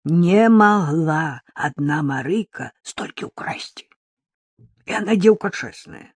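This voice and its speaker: A woman's voice: lowish voice, lively intonation, slow, breathy edge, no room sound, heavily acted. A woman voicing a terse, wary old village woman who speaks in a rural Belarusian-tinged dialect, for an audiobook. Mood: gruff, wary.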